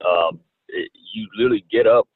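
A man in his thirties from Rwanda with a slight Southern twang, talking haltingly as an interview guest and often repeating words. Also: on the low side, huge pitch swings, creaky, breathy edge. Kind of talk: casual interview talk. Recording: tinny phone-like line, faint noise.

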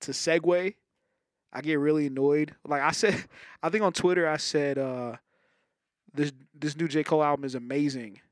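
Young male host, slightly higher voice, dry close sound, rambling casual banter. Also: steady tone, dry recording. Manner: rambling, swears freely, quick bursts. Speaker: podcast host. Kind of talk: casual chat.

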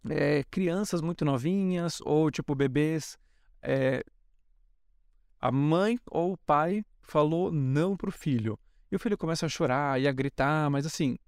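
A man's voice: on the high side, gravelly, a little mellow, dry recording, clean studio sound. A young Brazilian man with a Brazilian Portuguese accent, hosting a casual solo podcast and chatting freely, often acting out bits of dialogue in playful voices. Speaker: podcast host.

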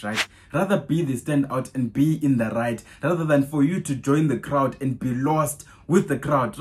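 A man preaching a podcast sermon who fires off rhetorical questions and keeps checking in with "guys" and "right?", getting louder and more animated on Bible quotes. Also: medium pitch.

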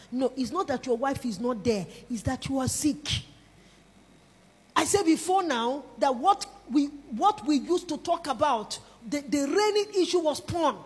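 A woman preaches with a high, bright-pitched voice, pressing her points home with emphasis. She calls on the congregation to lift their hands and repeat after her. Her voice rings out with a long reverb through a large hall. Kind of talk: sermon.

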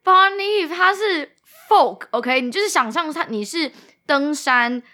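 A woman co-hosting a podcast in casual chat, with quick, playful interjections. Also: high-pitched, expressive, sharp tone. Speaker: podcast co-host.

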